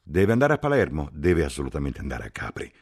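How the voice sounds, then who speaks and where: A man's voice: rumbling low, sing-song, a little fast, a little mellow, slightly rough, no echo, clean studio sound, full character voice. A man voicing an eager young army lieutenant who urges and insists.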